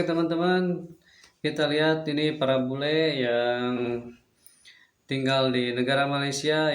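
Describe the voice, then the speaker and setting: A man with an Indonesian accent giving casual reaction commentary as host, drawing out phrases to his viewers. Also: medium pitch. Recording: echoey untreated room.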